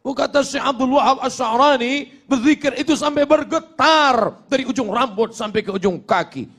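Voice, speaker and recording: A man's voice: very high-pitched, moderate pace, a bit bright. A middle-aged man from Indonesia preaching a humorous Islamic sermon, telling jokey stories, acting out little exchanges and chanting Arabic verses.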